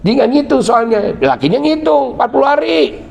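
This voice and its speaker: In lo-fi sound, a middle-aged Islamic preacher speaks at normal speed with an extremely high pitch and vocal fry. His Betawi Jakarta–accented religious lecture combines teaching with humorous storytelling, acting out family scenes in changing voices.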